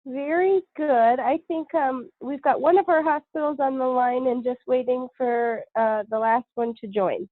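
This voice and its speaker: A woman with a cold and a nasal voice, leading a conference call from home on her iPad, talking in a halting way with many pauses. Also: sits high. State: congested with a cold. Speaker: call facilitator. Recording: dry, tinny phone-like call line.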